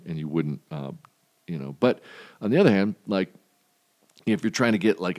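A man hosting a podcast, talking through shooting technique in a rambling, halting way, with many fillers and restarts. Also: sits low, darkish tone. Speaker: podcast host. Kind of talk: casual monologue on shooting technique.

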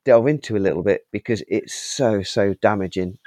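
A man's voice: on the low side, normal speed, darkish tone, no room sound, clean studio sound. A middle-aged father talking earnestly and reflectively in a casual podcast chat. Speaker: co-host, father.

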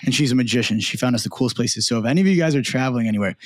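A man's voice: medium pitch, racing, no room sound. A young man co-hosting a casual podcast, telling stories in an upbeat, rambling way. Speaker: co-host.

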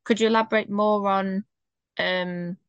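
A woman's voice: mid-range voice, fairly even intonation, unhurried, smooth, no room sound, muffled recording. A woman from the UK hosting a podcast, introducing a guest and asking long questions. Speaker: podcast host. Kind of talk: podcast interview.

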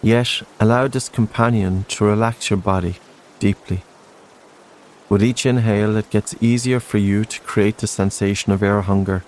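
A man narrating a guided relaxation in a slow, soothing sleep-story manner, gentle and unhurried, with spaced-out phrases. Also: on the low side, slight background noise, poor audio.

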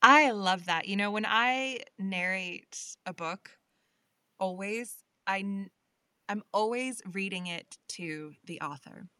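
A woman's voice: medium pitch, slow, bright, forceful tone, dry recording. A woman who narrates audiobooks, chatting as a guest in an interview, talkative and laughing often. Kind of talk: casual interview chat. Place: lives in England.

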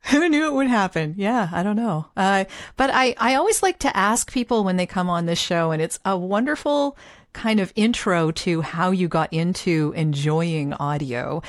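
A woman's voice: fairly low pitch, lively intonation, moderate pace, no room sound, clean studio sound. A woman hosting a podcast interview, who laughs easily and speaks appreciatively. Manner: warm, laughs often, appreciative. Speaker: podcast host.

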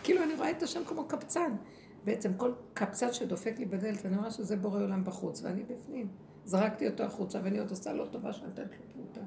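A woman teaching a spiritual lesson to a women's group, animated and acting out quoted speech. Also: mid-range voice, creaky. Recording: echoey room with faint ambient noise.

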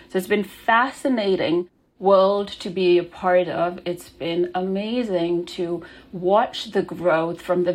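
A woman from Denmark, a podcast guest, explaining her work in a measured, explanatory way. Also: fairly low pitch, gravelly, darkish tone. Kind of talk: podcast interview.

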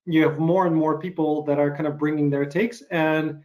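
A man interviewing a guest on a video call, rambling and self-deprecating, with frequent halting restarts. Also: a little high, fairly even intonation, darkish tone. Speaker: interviewer host. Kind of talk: casual interview chat.

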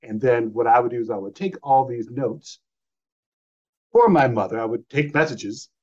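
This middle-aged man has a medium-pitched, slightly mellow voice and talks at normal speed. As an interview guest, he wanders loosely through a personal story, performing old phone calls in various voices. The audio quality is slightly dull and lo-fi.

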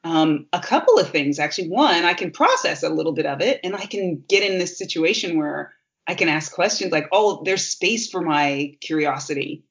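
An interviewer with a mid-pitched voice chats casually, warmly affirming what the guest says and sharing their own view with enthusiasm. The sound is dull and lo-fi. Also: expressive, a little fast, vocal fry.

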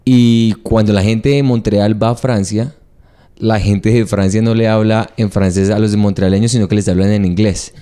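A man, a co-host in a casual interview, relaxed and thoughtful. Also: lowish voice, moderate pace.

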